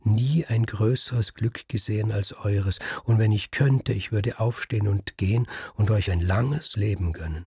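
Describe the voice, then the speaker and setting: A man's voice: measured pace, few pauses, husky, dry recording, studio quality, full character voice. Death, a man voicing a sad weary figure. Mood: sorrowful. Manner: quiet, sorrowful and low.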